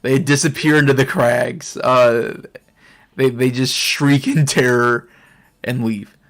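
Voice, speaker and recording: A man's voice: medium pitch, fairly even intonation, slow pace, gravelly. A man narrating as game master in a tabletop role-playing game, hesitant, with many fillers and frequent laughs.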